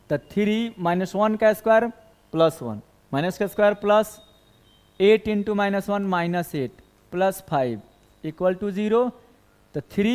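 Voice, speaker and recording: A man's voice: high-pitched, a little mellow. A man teaching a math class, working through equations step by step and putting questions to his students. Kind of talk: classroom lecture.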